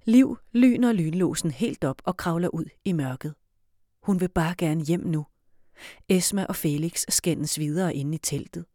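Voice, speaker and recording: Lady reading a kids story, lowish voice, calm and even, dry close sound. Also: dry recording. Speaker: narrator. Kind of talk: storybook narration.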